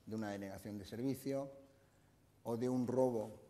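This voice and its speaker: A man's voice: mid-range voice, moderate pace, dark tone, long reverb tail, a little hiss or hum. An older man giving a conference lecture in a university room, explaining at length with frequent "eh" fillers and restarts. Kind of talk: conference talk.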